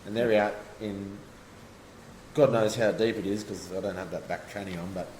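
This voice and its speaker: A man with a low Australian voice talks casually and rambles through his fishing method, restarting sentences as he goes. The room is echoey, with a faint hiss of noise underneath. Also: fairly even intonation, normal speed, a little mellow. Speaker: guest angler. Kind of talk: casual chat.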